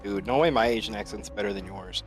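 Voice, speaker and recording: A man's voice: lowish voice, fast. A man joking with friends on a gaming stream, teasing the others. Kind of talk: casual banter among friends. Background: music.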